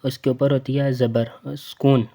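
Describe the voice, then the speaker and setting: A man's voice: mid-range voice, little pitch movement, dark tone. A man with a Pakistani Urdu accent teaching Quran reading, patiently spelling out letters one by one and repeating each sound. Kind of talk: slow spelled-out recitation lesson.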